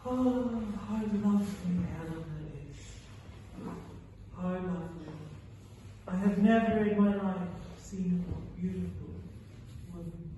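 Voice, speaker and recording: Male actor script-reading a bitter idle gentleman, sardonic stage drama, high-pitched, unhurried, distant in a reverberant hall. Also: dull audio. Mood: lovestruck. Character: bitter, idle middle-aged Russian country gentleman. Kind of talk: stage play read aloud from a script. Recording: echoey hall from far off, faint noise.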